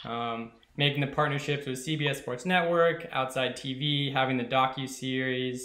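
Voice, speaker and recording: A man in his thirties hosting a casual video call interview, upbeat and quick to laugh. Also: medium pitch, steady tone, pushed and bright. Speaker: host. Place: room at home. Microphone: video call webcam. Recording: echoey room over video call.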